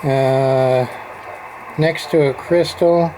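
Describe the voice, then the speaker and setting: Poor audio captures a hobbyist fixing a radio, speaking very slowly in a steady, medium-pitched voice as he rambles and mutters through an informal walkthrough. A crowd can be heard behind him, and this amateur workbench video has clear background noise.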